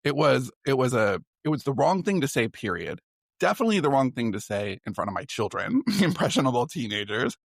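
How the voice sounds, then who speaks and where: A man's voice: medium pitch, very animated, fairly quick, vocal fry, no room sound, clean studio sound. A man in his forties, a writer and podcast guest, telling a story in a loose, self-deprecating, chatty way. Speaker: guest, science fiction writer. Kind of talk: casual storytelling in conversation.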